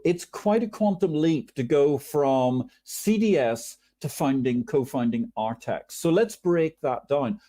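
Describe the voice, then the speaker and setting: Male livestream host, mid-pitched, mellow, talkative and direct with the audience. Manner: chatty, addresses viewers directly. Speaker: interview host. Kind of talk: livestream interview.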